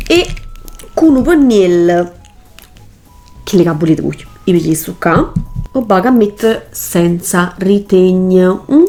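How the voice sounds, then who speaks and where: Music plays as a woman with a medium-pitched, darkish voice chats through a makeup tutorial. She speaks colloquial Neapolitan dialect with a matching Italian accent, emphatic and casual, often repeating herself to drive points home.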